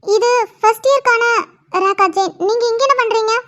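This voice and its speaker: A woman's voice: very high voice, fairly quick, fairly bright tone. A woman voicing a shy, bashful young woman college student. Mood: playful. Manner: bashful, sulky. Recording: dull lo-fi sound.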